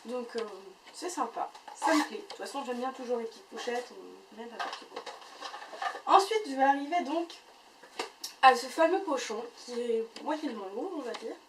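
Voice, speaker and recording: A woman's voice: a little high, expressive, moderate pace, reverberant. A woman chatting casually as she unboxes and reviews beauty boxes, full of fillers and restarts. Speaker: beauty vlogger. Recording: voice a bit far from the mic, faint noise.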